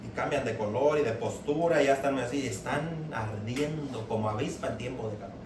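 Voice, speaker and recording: A man's voice: medium pitch, brisk. A man preaching a sermon, firing rhetorical questions at the congregation. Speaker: pastor. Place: church hall. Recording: echoey room, mic far off, faint noise.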